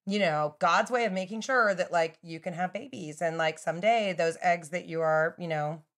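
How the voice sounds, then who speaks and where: A woman's voice: on the low side, moderate pace. A middle-aged woman co-hosting a podcast, a mother chatting casually in a rambling way with many fillers. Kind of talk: casual chat.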